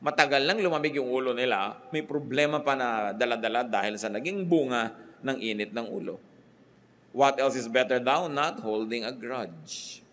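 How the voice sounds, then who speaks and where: A man's voice: mid-range voice, moderate pace, a bit bright, a little hiss or hum. An older man with a Filipino accent, a pastor delivering a sermon, switching freely between Tagalog and English and asking his listeners rhetorical questions. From Philippines.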